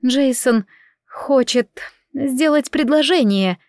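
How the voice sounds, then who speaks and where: Woman reader voicing a tender, hushed audiobook mother; dry booth sound. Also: mid-range voice, moderate pace, no room sound, natural voice. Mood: hesitant. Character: gentle worried middle-aged mother, speaking softly. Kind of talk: audiobook character reading.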